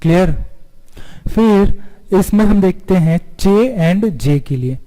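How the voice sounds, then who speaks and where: A man's voice: sits high, animated, takes it slowly, dark tone. A man teaching stenography in an online lesson. He asks the class questions, answers them himself, and draws out single letters. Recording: long hall reverb.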